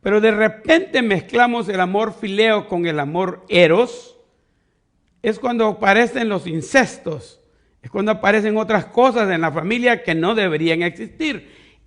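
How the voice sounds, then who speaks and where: A man preaching a sermon as pastor, teaching step by step and leaning on quoted questions. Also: high-pitched. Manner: teaching Bible study, explains words step by step.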